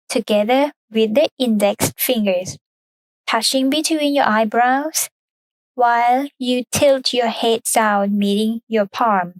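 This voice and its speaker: A Thai woman, a podcast co-host whose first language is Thai, explains cultural topics carefully and in a measured way in her second-language English. Her voice is high and dry, and the rough recording has no room sound.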